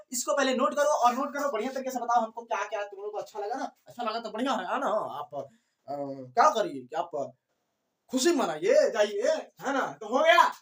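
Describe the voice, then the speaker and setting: Woman, biology teacher, fairly high voice, repetitive rhetorical questions, classroom lecture, roomy echo. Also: fairly bright tone. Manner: mixes in English terms. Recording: echoey room, far from the mic.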